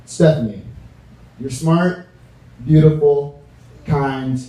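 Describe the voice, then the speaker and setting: A young American man giving an informal wedding toast as best man, halting and joking, with slangy wording. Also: fairly high pitch, warm tone. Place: large reverberant room with a reacting crowd. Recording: echoey room, distant mic, audience noise.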